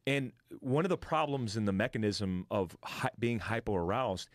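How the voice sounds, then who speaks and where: Blunt profane man, lowish dry voice. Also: expressive, moderate pace, no echo. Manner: blunt and profane, acts out gunfire and blasts with vocal sounds. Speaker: podcast guest, military veteran. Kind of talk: casual storytelling.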